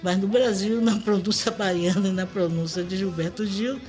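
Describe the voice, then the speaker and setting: A woman's voice: mid-range voice, steady tone, moderate pace, a little mellow, soft background music. An older woman from Brazil with a Brazilian Portuguese accent, speaking as a linguist in a documentary interview, emphatic and didactic. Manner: emphatic, didactic, spells out pronunciations.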